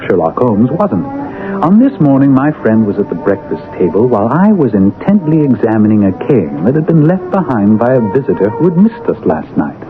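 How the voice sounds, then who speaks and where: An actor playing an earnest, genial doctor, measured and slightly hesitant, in a 1970s radio drama. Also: male voice, mid-range voice, big pitch swings, narrow, tinny audio, close to an everyday voice. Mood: narrating, measured. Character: earnest, genial doctor, the detective's loyal companion. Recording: thin old radio broadcast, music.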